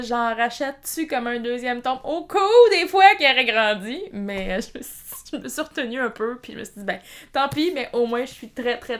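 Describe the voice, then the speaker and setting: A woman's voice: on the high side, a bit bright. Chatty Québécois woman book vlogger. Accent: Québécois French. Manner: chatty, rambling, frequent "euh" fillers. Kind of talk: casual book haul vlog.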